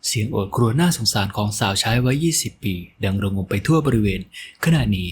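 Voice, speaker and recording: A man's voice: on the low side, expressive, a little fast, slightly rough. A man narrating an audio novel in a dramatic storytelling manner. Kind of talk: scripted narration.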